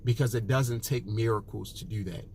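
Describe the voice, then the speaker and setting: A man's voice: fairly low pitch, fairly even intonation, normal speed, a little mellow, a little hiss or hum. A man, a personal finance author, giving direct advice to the camera, emphatic and repeating his key points with frequent "okay" and "look".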